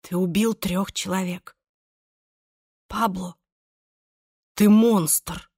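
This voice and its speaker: A frightened young woman cries out in alarm in an audiobook, played by a woman narrator. Her voice rises high when she screams, and the recording is dry and close. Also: steady tone, extremely slow, a little mellow, breathy edge, no room sound. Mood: accusing. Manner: crying out in alarm.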